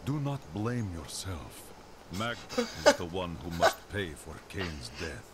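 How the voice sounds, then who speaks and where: An actor playing a solemn, fearless warrior monk in a video game, grave and formal, with a Russian accent. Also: male voice, sits low, very animated, a little slow, heavy background noise. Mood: solemn resolve. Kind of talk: dramatic video game voice acting.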